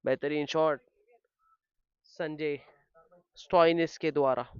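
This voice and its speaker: A man giving live cricket commentary as the match commentator, getting excited on big shots. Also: fairly high pitch, slow pace, clean tone, dry recording, highs cut off.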